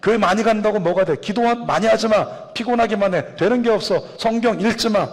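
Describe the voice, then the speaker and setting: Tempting evil inner voice, male, urging; a pastor puts it on. High, long reverb. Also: brisk. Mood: coaxing. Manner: coaxing, urging.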